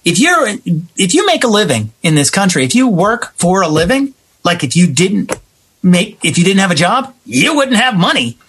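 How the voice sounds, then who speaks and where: The guest, a playwright and director, talks at normal speed in a high, sing-song voice that is husky yet fairly bright. Passionate and conversational, he explains his thinking emphatically and acts out imagined comments.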